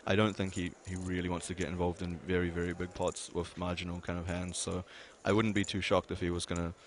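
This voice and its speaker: A man's voice: low-pitched, flat delivery, fast. A man giving expert poker commentary, hedging his points with lots of fillers and restarts. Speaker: poker analyst.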